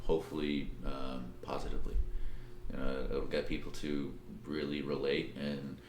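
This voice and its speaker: A young man from Colombia co-hosting a casual podcast, halting and repeating words, joking around. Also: rumbling low, little pitch movement, a little mellow. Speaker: podcast co-host. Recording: echoey room, faint background noise.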